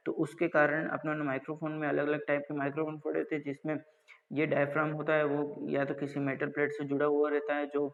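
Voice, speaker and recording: A male college lecturer with a slightly high, gravelly voice explains technical material didactically. He asks and answers his own questions and often checks that listeners are following, in dull lo-fi audio with long reverb.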